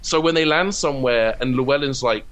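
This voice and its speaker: Here a comedy writer and voice actor, a man with a mid-range, slightly bright voice, answers interview questions fairly quickly. He muses on his work in lengthy explanations, repeatedly stumbling into false starts.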